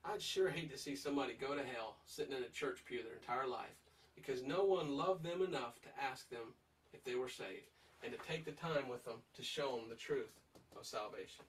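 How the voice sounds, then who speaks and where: A man's voice: medium pitch, a little fast, recorded from a distance, slight background noise, low-quality recording. A man teaching a verse-by-verse Bible study in an emphatic, urging way, putting direct questions to his listeners.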